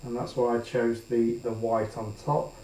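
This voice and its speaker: At a measured pace and medium pitch, a man talks casually while demonstrating a resin pour, calling his own plain, even voice monotone. He's chatty yet hesitant, with frequent ums, thinking aloud and changing his mind. The audio comes from a built-in camera mic, used because his usual mic is out of action, catching him distantly in an echoey room with slight background noise.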